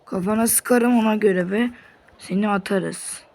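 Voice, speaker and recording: A woman playing a sandbox game and giving its characters voices, moving between hushed threats and high panicked pleas. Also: a little slow. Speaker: game player.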